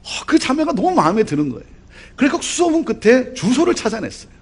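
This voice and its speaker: A middle-aged male pastor preaching a sermon in an animated way, voice rising and falling in loudness, with a husky tone. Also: quick pace. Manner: animated preaching with lively swings of pitch and loudness.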